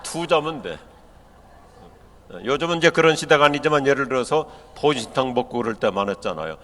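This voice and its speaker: A man's voice: mid-range voice, fairly quick. An older man with a Chungcheong Korean accent, preaching a humorous sermon to pastors and telling jokes. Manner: joking storyteller, acts out dialect and quotes in lively voices. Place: large church hall. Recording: long hall reverb.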